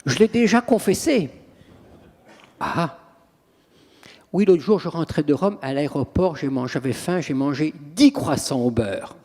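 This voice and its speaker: A priest and exorcist in an interview, telling stories in an animated, dramatic way with acted quotes. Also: male voice, on the high side, unhurried, long pauses. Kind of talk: interview storytelling. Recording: long reverb, echoey room.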